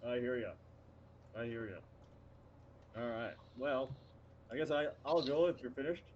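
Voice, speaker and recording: A man in his fifties from Wisconsin chats in a relaxed, joking, slangy way. The recording is a bit muffled, with a faint hiss in the background. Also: medium pitch, a little slow. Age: 50s. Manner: laid-back, joking, slangy. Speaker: podcast co-host. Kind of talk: casual chat.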